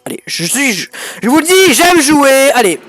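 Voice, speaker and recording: A man giving excitable, crude let's-play commentary as a gaming YouTuber, breaking into sudden shouted outbursts. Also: extremely high pitch, normal speed, no echo.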